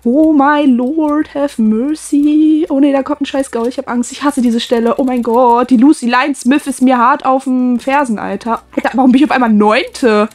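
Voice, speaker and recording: A young woman giving casual gameplay commentary at home on a USB desk mic, excitable and swearing at the game. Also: high voice, fairly quick, few pauses. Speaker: gaming YouTuber. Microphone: USB desk microphone.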